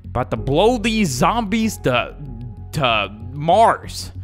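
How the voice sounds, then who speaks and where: A young man hosts a gaming video with jokey, slangy, casual gameplay commentary, calling viewers "guys" and "dude." His voice is on the high side with big pitch swings, and he takes it slowly. Music plays behind him.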